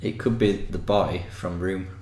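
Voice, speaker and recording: Deep-voiced West Yorkshire man. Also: fairly even intonation, measured pace, a little mellow. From West Yorkshire, England. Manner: swears freely, laughs often. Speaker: podcast co-host. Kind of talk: casual chat. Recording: echoey room with faint noise.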